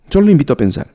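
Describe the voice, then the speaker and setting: A man's voice: fairly high pitch, mellow. A man preaching and teaching the Bible to a gathered audience. He keeps asking his listeners questions and repeats key words to drive his points home. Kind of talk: sermon-style Bible teaching.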